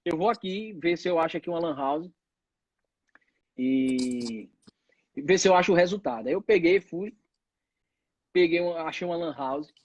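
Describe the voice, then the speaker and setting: A man's voice: fairly high pitch, normal speed, pauses often, no room sound. A man, telling his own story as an interview guest, acting out the voices of the people in it. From Northeast Brazil. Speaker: pediatrician guest.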